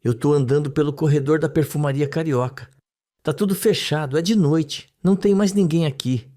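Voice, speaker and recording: A man's voice: fairly high pitch, moderate pace, warm tone, natural voice. A man reading the lines of a frightened young woman recalling a scene under hypnosis, in a dreamy, trembling way, for a soap opera recap. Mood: tense. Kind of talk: read-aloud soap recap.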